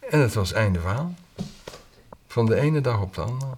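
A former orchestra conductor, a man, telling his own story in a halting, reflective way with pauses and filler sounds. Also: fairly low pitch, expressive, darkish tone, a little hiss or hum. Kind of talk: personal storytelling interview.

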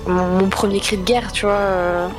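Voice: mid-range voice, fairly even intonation, moderate pace. A tabletop game player describing actions casually and hesitantly, repeating words, with music behind.

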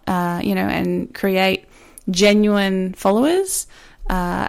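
Laid back woman hosting a podcast, bit of vocal fry, easygoing. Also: mid-range voice. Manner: relaxed, friendly, many fillers. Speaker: podcast host. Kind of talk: casual podcast interview.

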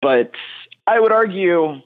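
A man's voice: sits high, expressive. Hesitant male caller on a tinny phone line. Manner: hesitant, halting, many restarts. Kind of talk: casual call-in chat.

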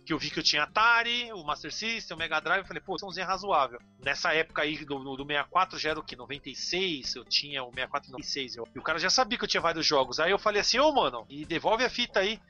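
A paulistano man with a high, bright voice tells a story fast in slangy speech, quoting the back-and-forth of the people in it. The lo-fi sound is dull, with faint music behind him. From São Paulo. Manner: slangy, tells a story through quoted dialogue. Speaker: podcast co-host. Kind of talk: casual storytelling.

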